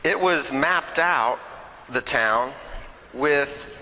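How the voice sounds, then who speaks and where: A man's voice: mid-range voice, very slow, pushed and bright, long reverb tail, a little hiss or hum, rough recording. A man giving a nervous, chatty local history talk to a small audience, often checking in with "okay?" and "right?". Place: meeting hall, in front of a crowd.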